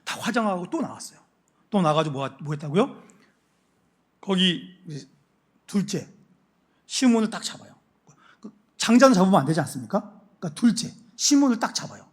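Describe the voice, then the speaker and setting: Animated high-voiced male pastor. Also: brisk, pauses often, slightly rough. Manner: animated storytelling, emphatic. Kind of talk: Bible lecture.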